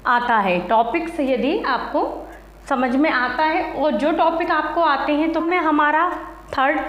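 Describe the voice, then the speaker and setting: A woman teacher giving exam-prep advice in a casual teaching talk, repeating herself and adding fillers like "okay". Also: sits high. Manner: repetitive, fillers like "ok" and "theek hai". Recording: echoey room.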